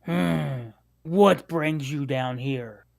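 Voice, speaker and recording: A man's voice: on the high side, very slow, gravelly, dry recording, studio quality, heavily acted. A man voicing a sly, threatening hobgoblin smuggler in a tabletop fantasy game. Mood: sly menace.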